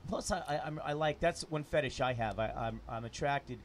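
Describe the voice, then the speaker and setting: A man's voice: mid-range voice, a little fast, a little hiss or hum. A man who produces adult films, chatting in an interview in a rambling, crude way and laughing often. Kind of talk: casual interview chat.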